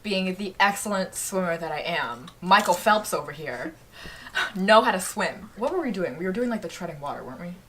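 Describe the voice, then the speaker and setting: Teasing young woman with a bright voice. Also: lowish voice, animated, a little fast. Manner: chatty, teasing, lots of "like". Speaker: vlogger, channel host. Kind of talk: casual storytelling chat.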